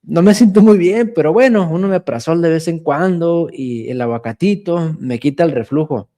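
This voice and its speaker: A man's voice: fairly high pitch, moderate pace, mellow, pitched above the performer's own voice, close to an everyday voice. A man putting on the voice of a stubborn patient who insists on a home remedy despite feeling unwell. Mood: eager. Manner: eager, brushing off discomfort. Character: stubborn patient set on lowering sugar.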